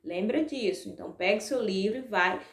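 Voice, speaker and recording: A woman with a Brazilian accent teaching a Spanish lesson to schoolchildren, spelling out words slowly by syllable and checking in with a frequent "ok?". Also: medium pitch, vocal fry. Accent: Brazilian Portuguese. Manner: slow, drawn-out, spelling out syllables. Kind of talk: online class lesson. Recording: echoey room.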